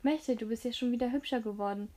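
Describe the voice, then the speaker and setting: Charming, playful young son, read by a woman; no deep shift, pitch stays fairly high. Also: fast, natural voice. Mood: teasing. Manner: flattering, playful.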